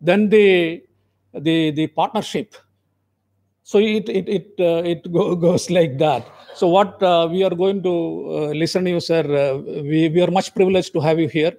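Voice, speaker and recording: Male event host, Indian accent, high voice, hesitant and repetitive, welcome address. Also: steady tone, darkish tone. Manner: halting, repetitive. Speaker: event host introducing guest. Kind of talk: welcome speech.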